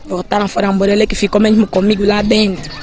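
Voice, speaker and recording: A woman's voice: fast, soft background music. Angolan woman telling a dramatic story. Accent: Angolan Portuguese. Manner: animated, emphatic retelling with sudden rises in pitch and loudness. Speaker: eyewitness recounting a break-in. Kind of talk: spoken personal account.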